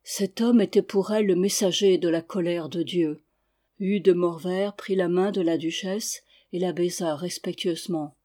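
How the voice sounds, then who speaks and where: A narrator reading a historical novel aloud in an even, measured way. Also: mid-range voice. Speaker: audiobook narrator.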